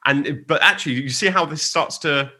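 A man's voice: fairly high pitch, moderate pace, sharp tone, slightly rough. A man co-hosting a casual podcast chat, rambling through stories with many restarts and asides. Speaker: podcast co-host on church leadership.

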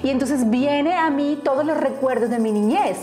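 A woman's voice: sits high, normal speed, over music. Earnest Colombian woman, roomy recording. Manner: earnest, reflective, with fillers and restarts. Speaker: guest, author. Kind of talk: personal storytelling in interview. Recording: roomy echo.

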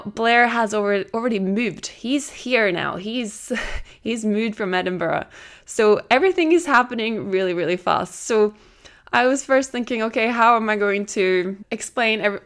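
A woman's voice: medium pitch, vocal fry, a bit bright. A woman hosting a solo podcast, chatting casually with frequent laughs and restarts. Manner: chatty, laughs between phrases, restarts often. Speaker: podcast host. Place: recording away from home.

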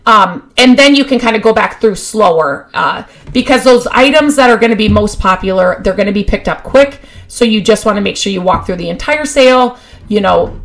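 A woman hosting a podcast, giving casual, practical advice in a chatty way, with many fillers and restarts, and getting excited about her topic. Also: medium pitch. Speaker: podcast host.

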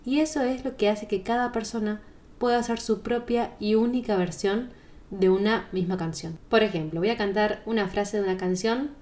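This is a podcast monologue from a woman who teaches singing and has a Rioplatense Spanish accent. She addresses the listener directly, explaining things calmly at a moderate pace with a medium pitch.

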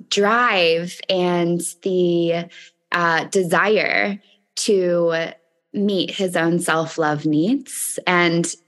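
Earnest woman hosting a casual talk. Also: lowish voice. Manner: earnest, frequent "like" fillers, warm laughter. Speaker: podcast host. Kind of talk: casual conversational interview.

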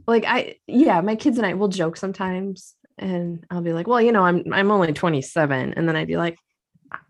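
Casually chatting with her sister, a woman co-hosts a podcast in a lowish, fairly quick voice. She fills her speech with fillers and laughs easily.

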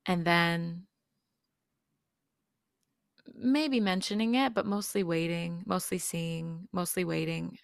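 A young woman in her twenties muses about relationships in a low, gravelly voice. She drifts and lingers on repeated words, and the recording is dry. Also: steady tone, takes it slowly, pauses often, dry recording. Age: 20s. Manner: dreamy, musing, lingering on words. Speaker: podcast guest. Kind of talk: reflective podcast conversation.

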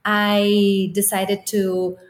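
A young woman from Ecuador, a podcast guest, telling her story in a warm, reflective, often laughing way. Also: medium pitch, completely flat delivery, very slow. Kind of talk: casual interview chat. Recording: roomy echo.

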